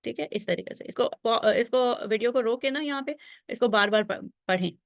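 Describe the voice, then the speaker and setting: A woman teacher with a fairly high voice talks over lesson slides, patiently chanting verb conjugations in steady rows. She pauses often to check that the listener is following. The sound is close and dry, with no room around it. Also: no echo. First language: Urdu. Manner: patient, drills conjugations aloud with frequent check-ins. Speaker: Arabic grammar teacher.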